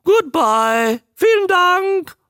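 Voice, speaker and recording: A man voicing a tired talking newt that croaks out its words with effort, slow and high. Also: very animated, pushed and bright, no room sound, clean studio sound, exaggerated voice. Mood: strained.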